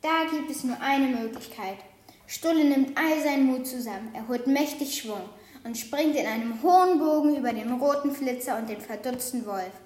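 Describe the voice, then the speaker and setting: High-voiced woman reading a children's story. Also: normal speed. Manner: lively, expressive storytelling. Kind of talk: reading a children's picture book aloud. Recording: roomy echo.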